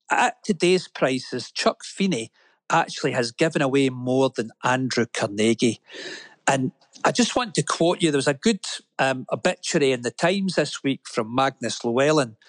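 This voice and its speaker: A man's voice: mid-range voice, no room sound. A man co-hosting a business talk radio show, telling stories in an earnest, admiring way. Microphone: studio microphone.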